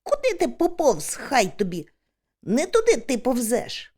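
A woman doing an excitable shouting village boy. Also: on the high side, moderate pace. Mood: indignant. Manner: shouting anxiously, indignant.

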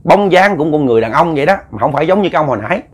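A man's voice: on the high side, lively intonation, very fast, slightly rough. A man with a Southern Vietnamese accent narrating a ghost story in a folksy, rambling way, often repeating words as he goes.

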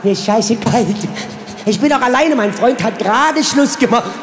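A woman's voice: on the high side, expressive, moderate pace, reverberant, background noise, natural voice. A man plays a stranded young woman who talks politely and whines, in a stand-up comedy bit. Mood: polite pleading.

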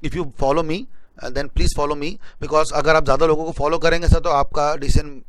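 A man's voice: a little high, flat delivery, moderate pace, dry recording, low-quality recording. A young man giving an exam-planning lecture as a coaching teacher, switching between Hindi and English and repeatedly checking in with his listeners. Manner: mixes Hindi and English, addresses viewers as sir, repeats "ठीक है ना?".

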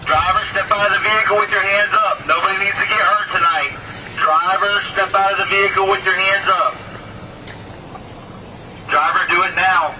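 A police lieutenant, a man, negotiating with a suspect through a loudspeaker, repeating firm commands and calmly pleading. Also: sits high, moderate pace. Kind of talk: live police standoff negotiation. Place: outdoors at a roadside scene. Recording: distant loudspeaker voice over roadside noise.

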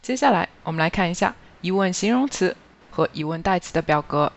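A language teacher reading a scripted grammar review slowly and carefully, pausing on each listed word. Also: mid-range voice, vocal fry. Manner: slow, even, careful reading of word lists. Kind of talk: scripted grammar lesson narration.

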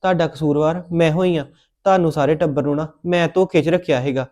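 A man's voice: fairly high pitch, fairly even intonation, fast, darkish tone. A young man with a Punjabi accent, acting an adopted son in a family drama, pleading and apologetic.

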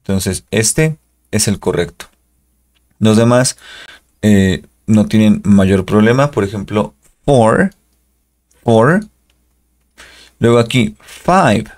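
A man's voice: on the low side, unhurried, darkish tone. A Spanish-speaking man giving an English pronunciation lesson, patiently repeating each model word. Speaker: English teacher.

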